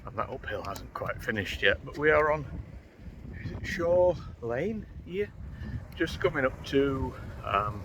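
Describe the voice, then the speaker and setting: A man's voice: mid-range voice, sing-song, unhurried. A middle-aged man, chatting as he walks and guides viewers along a hike, laughing easily and stopping to tell the history. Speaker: hiking vlogger and guide. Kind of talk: casual walking commentary with narrated history. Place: outdoors on a windy open moor. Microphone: camera mic carried while walking. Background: wind and backing music.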